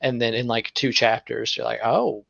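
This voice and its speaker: Gravelly-voiced man on a dull podcast mic. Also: medium pitch, monotone, brisk, fairly bright tone. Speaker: podcast co-host. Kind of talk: casual manga discussion.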